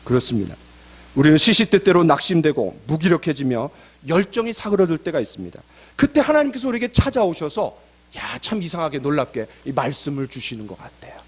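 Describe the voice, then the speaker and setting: A male pastor preaching a sermon, telling the story with lively quoted voices. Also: fairly high pitch, fairly quick, slightly rough.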